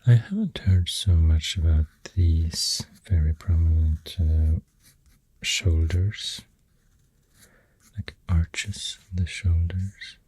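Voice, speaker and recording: Speaking close to the mic, a soft-spoken ASMR host with a Swedish accent gently rambles through facts in a low, hushed, breathy whisper with unhurried pauses. There's no room sound, only pencil writing and clicking in the background.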